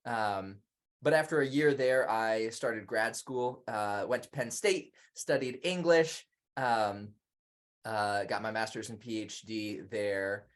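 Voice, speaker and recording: A man's voice: fairly low pitch, takes it slowly. A man in his thirties, a podcast guest who grew up in Indonesia, talking casually in a chatty, self-deprecating way with many fillers. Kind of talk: casual conversation.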